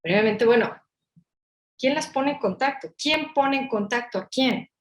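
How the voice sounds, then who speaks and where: A woman's voice: on the high side, lively intonation, unhurried, slight background noise. A woman giving spoken academic feedback in a didactic way, with rhetorical questions and frequent short check-in tags. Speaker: academic commentator. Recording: echoey, roomy sound.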